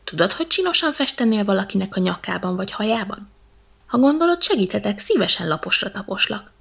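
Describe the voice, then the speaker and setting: A woman's voice: mid-range voice, big pitch swings, creaky, fairly bright tone, slightly rough, heavily acted. A woman doing a chatty little elephant. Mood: teasing. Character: good-natured, hungry little male elephant.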